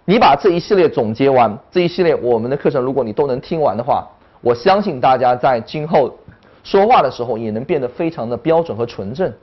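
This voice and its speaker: A woman teaching an online English lesson, talking in an animated way and demonstrating tones with her voice. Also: a bass voice, a little fast, dull audio.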